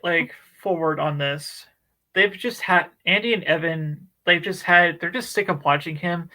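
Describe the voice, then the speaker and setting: Male co-host, casual book chat, bright edge, animated filler-heavy delivery. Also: fairly high pitch, poor audio. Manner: animated, chatty retelling with many fillers. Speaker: book club podcast co-host.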